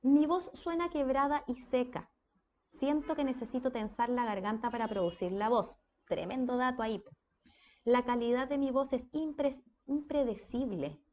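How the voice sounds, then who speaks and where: Chilean woman lecturing casually, higher voice. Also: normal speed, a little mellow, muffled recording, a little hiss or hum. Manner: conversational, checks in with frequent "¿ya?". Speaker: speech therapy lecturer.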